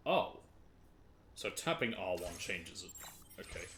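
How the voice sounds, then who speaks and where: A man's voice: low-pitched, very animated, slow. Man muttering over noisy gameplay. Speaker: gamer playing and commenting on a video game. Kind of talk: casual gameplay commentary. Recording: clearly noisy, game sounds behind voice.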